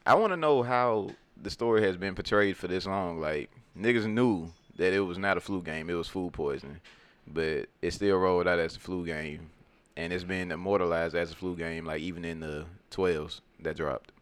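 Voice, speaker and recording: A man in casual podcast chat, animated, joking and profane. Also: sits low, moderate pace.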